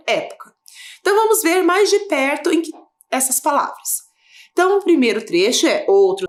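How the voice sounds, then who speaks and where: Brazilian female teacher, patient explainer, animated and fairly high. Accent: Brazilian Portuguese. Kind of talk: video lesson for children.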